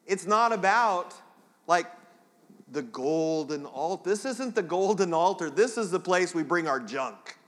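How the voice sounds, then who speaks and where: A man's voice: high voice, animated, a little slow, big-room sound. A man preaching a sermon as pastor, chatting straight to the congregation in a conversational way.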